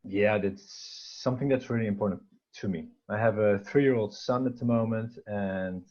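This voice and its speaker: A Dutch man with a fairly low voice, speaking English as a second language in a relaxed interview. He hesitates often, circling back through fillers and restarts. His voice comes through a dull, lo-fi video call line. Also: normal speed. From Netherlands. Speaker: guest. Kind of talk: casual interview talk.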